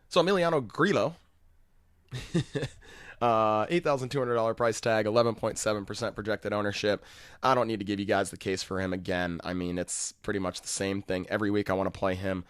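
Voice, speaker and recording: A man's voice: fairly low pitch, clean tone, no echo, clean studio sound. A man hosting a fantasy golf podcast, rattling off stats and picks in a casual, conversational way. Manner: stat-heavy, casual and conversational. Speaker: podcast host.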